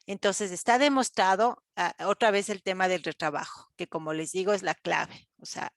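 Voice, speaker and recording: A woman's voice: fairly low pitch, normal speed, vocal fry, dry recording. Woman lecturing, checking in with "¿sí?". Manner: explanatory, frequent "¿sí?" check-ins and fillers. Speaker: university lecturer. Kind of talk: online class lecture.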